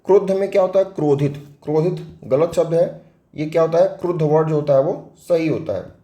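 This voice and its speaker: Hindi-accent guy teaching spelling, kinda high mellow voice, asks stuff then answers it himself, echoey room. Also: fairly quick. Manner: explains step by step, asks and answers own questions. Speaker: exam-prep teacher. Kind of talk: spelling lesson for exam prep.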